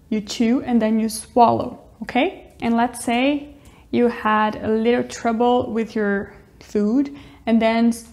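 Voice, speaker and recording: High-voiced young woman teaching English. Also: warm tone. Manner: cheerful, explains with little demonstrations. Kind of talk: casual teaching with acted demonstrations.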